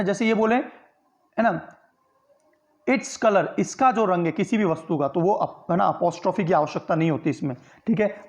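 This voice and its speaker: A man teaching a grammar lesson for exam preparation, explaining step by step and often answering his own questions. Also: sits high. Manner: tag questions that seek agreement from listeners. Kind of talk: online exam-prep lecture.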